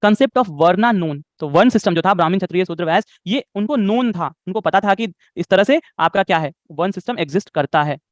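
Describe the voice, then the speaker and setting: Young male history teacher, high voice, dry close sound, Hindi-lecture, keeps asking if it's clear. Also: expressive, a little fast, hardly any pauses, no room sound. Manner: Hindi-English code-switching, asks "clear?" often; self-corrects pronunciation, restarts words. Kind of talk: live online class lecture.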